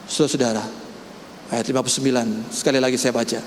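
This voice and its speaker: A man preaching a sermon as pastor, breaking into loud, high-pitched exclamations. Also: flat delivery, fast. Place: large church hall. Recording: echoey church hall, faint room noise.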